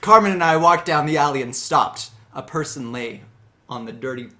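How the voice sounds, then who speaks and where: A man's voice: fairly high pitch, lively intonation, moderate pace, very noisy. A man giving a hammy, theatrical dramatic reading of a story, like a stage actor. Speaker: reader of a story.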